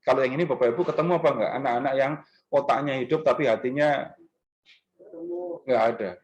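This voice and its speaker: A man's voice: mid-range voice, fast talker, highs cut off. A man giving an Easter talk to a church group in a restaurant function room. He keeps it conversational and often asks the audience questions. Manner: animated, rising emphasis on key words. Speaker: speaker at a parish gathering.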